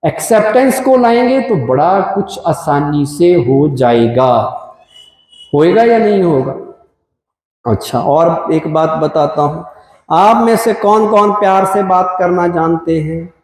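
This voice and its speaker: Man, spiritual speaker, high voice, long hall reverb, quizzes his audience. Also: lively intonation, takes it slowly, a little mellow. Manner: asks the crowd questions, Hinglish mix. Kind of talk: spiritual talk to a live audience. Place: large hall. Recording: echoey hall from afar.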